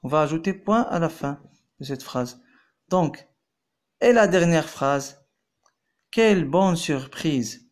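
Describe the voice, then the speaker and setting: A man teaching French grammar, explaining and repeating phrases slowly, then translating into Arabic. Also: fairly high pitch, animated. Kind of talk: bilingual grammar lesson.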